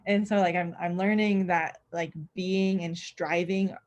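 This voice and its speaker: Soft-spoken young woman guest, lower voice. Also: steady tone, a little slow, highs cut off, a little hiss or hum. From Wyoming, USA. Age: 20s. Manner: reflective, soft-spoken, frequent "like" and "um". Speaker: podcast guest. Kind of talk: casual conversation.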